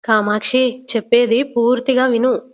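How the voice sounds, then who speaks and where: A woman's voice: on the high side, steady tone, normal speed, natural voice. A woman voicing a frightened, scheming middle-aged mother who pleads anxiously.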